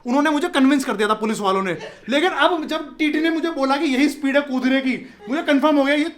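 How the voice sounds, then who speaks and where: A man, telling a story in casual chat, animated, acting out voices and laughing often. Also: very high voice, quick pace. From Delhi, India. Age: 20s.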